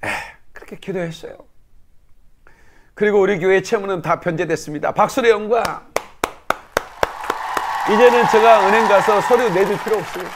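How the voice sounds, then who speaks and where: A middle-aged male pastor preaches in a fairly high voice. He prays with fervent, commanding declarations, then slips into a chatty, conversational way of telling his stories to the congregation. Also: moderate pace, pauses often, a faint crowd, slight background noise. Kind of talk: sermon with prayer and personal story.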